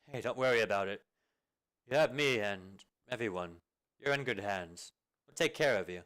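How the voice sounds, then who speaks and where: A man voicing a rough, big-hearted young male fighter who talks loudly and bluntly as he comforts. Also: lowish voice, normal speed, close to an everyday voice. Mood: comforting. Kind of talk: amateur video game fan dub.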